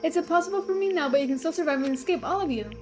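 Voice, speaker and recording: Woman voicing gentle computer program, polite, earnest, soft, high voice, game music. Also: rapid-fire.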